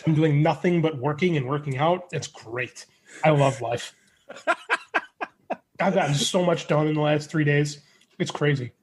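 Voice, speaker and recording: A man in his thirties co-hosting a casual podcast over a video call, teasing with dark jokes. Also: fairly high pitch, unhurried, long pauses, slight background noise. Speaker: podcast co-host. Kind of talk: casual chat. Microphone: recording over a video call.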